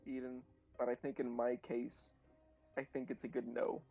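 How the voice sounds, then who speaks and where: A man's voice: medium pitch, level tone, normal speed, vocal fry, mellow, soft background music. A man playing a tabletop game, exasperated and swearing freely, over a video call. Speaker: player. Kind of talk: tabletop role-play.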